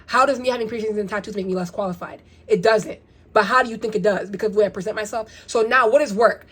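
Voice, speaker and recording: A young woman talking casually to her viewers in a rambling, animated vlog, firing off rhetorical questions. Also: medium pitch, fast talker, slightly rough. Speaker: vlogger. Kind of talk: casual get-ready-with-me vlog.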